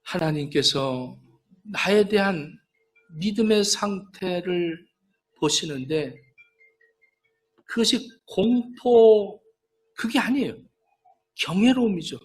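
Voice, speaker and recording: High-voiced male pastor preaching. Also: animated, slow pace, pauses often. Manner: asks the congregation rhetorical questions; swings between soft, hushed lines and raised, emphatic ones. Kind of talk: sermon.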